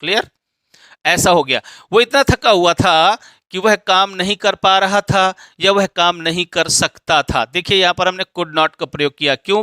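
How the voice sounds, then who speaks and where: A man explains English grammar to students step by step, often stopping to ask whether they follow. His voice sits high and sounds bright and forceful. The sound is dry and close. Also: no room sound. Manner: explains step by step with frequent check questions.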